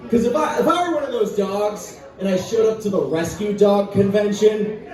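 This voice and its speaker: High-voiced man doing stand-up in an echoey pub. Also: normal speed. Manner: self-deprecating, shouted punchlines. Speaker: stand-up comedian. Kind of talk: stand-up comedy set. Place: live venue in a pub. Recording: echoey room from far off. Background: audience laughing.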